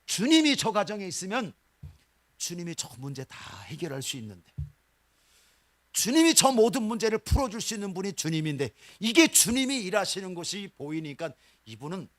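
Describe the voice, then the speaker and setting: A man preaching a midweek sermon with a lively pitch that climbs into loud, high bursts and then sinks to near-quiet low endings. His voice sits a little high for a man. He slips into quoted voices of believers and of God as he preaches. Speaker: pastor. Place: church.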